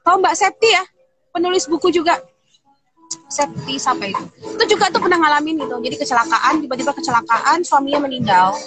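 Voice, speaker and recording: A woman's voice: high-pitched, fast talker, over music, poor audio. A woman psychology consultant talking casually on a live video stream, giving emphatic and reassuring advice. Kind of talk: casual livestream chat. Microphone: phone on a live video stream.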